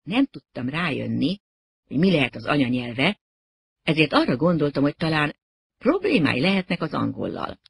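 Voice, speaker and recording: A husky-voiced narrator reads a comic first-person story with wry expressiveness. The pitch moves in a lively way through each sentence. The recording is close and dry, with no room sound. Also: no echo. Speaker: audiobook narrator.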